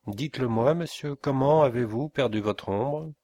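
A man's voice: on the low side, fairly even intonation, unhurried, dry recording, clean studio sound. A man voicing a stern, angry older forest inspector and father in an audiobook, talking in an indignant, threatening way. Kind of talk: audiobook character voice.

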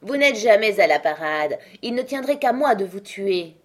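A woman's voice: medium pitch, animated, normal speed, natural voice. A woman reading the part of a witty, mocking uncle, ironic and emphatic, in an audiobook. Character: witty, mocking uncle who fights a duel.

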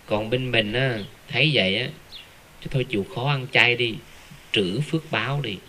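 A man giving a casual Buddhist Dharma talk, animated and full of rhetorical questions. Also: medium pitch, normal speed, a little hiss or hum. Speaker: Buddhist lay Dharma speaker.

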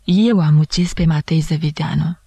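A man's voice: fairly high pitch, steady tone, gravelly, dark tone, slightly rough, no room sound. A woman reading the part of a pale male doctor who confesses in a solemn, formal voice. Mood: grave, solemn.

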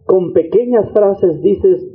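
High-voiced preacher on tinny radio. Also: male voice, slow pace. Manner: exhorting, repeats phrases in rhythmic litanies. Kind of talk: sermon. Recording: tinny phone-like radio broadcast.

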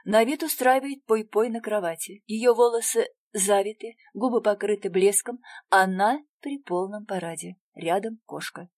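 Woman reading a dark story, quiet and tense, mid-pitch, dead dry sound. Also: normal speed, no echo. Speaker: audiobook narrator. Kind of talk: first-person audiobook narration.

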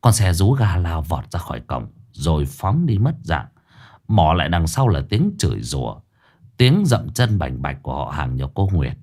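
A man narrating a humorous ghost story in a brisk, lively storytelling manner. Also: low-pitched.

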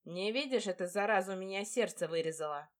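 In an audiobook, a brash, possessive dark lord speaks with a teasing, insistent manner, as a woman reader voices him at a middle pitch. He stays cocky and sure of himself. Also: fast, natural voice. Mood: gruff.

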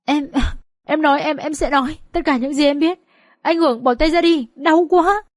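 A woman voicing a terrified young man who stammers and begs in a high voice, in a storybook reading. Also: fairly even intonation, moderate pace, no room sound, studio quality, lightly acted. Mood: begging. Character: terrified young man begging his boss.

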